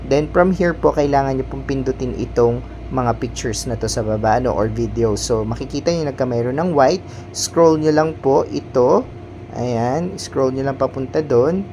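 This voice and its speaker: Politely guiding viewers through an app one step at a time, this man acts as an informal tutorial host who keeps repeating verbal tags. He speaks at a moderate pace in a mid-range, slightly mellow voice. A noticeable hum runs through the recording.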